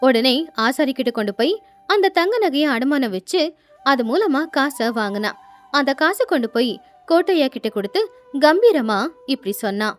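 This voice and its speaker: A woman narrates a storybook tale in a steady, expressive manner. Her voice is high, and soft music plays quietly underneath. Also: normal speed.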